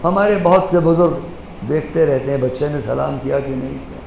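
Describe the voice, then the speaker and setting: Impassioned preacher in an echoey hall. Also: male voice, on the high side, gravelly, slight background noise. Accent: Indian Urdu. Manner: impassioned, stretches Quranic phrases slowly, drops to a soft voice to act out exchanges. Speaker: maulana preaching at a majlis. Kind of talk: Urdu religious sermon. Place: mourning hall. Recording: echoey hall, faint ambience.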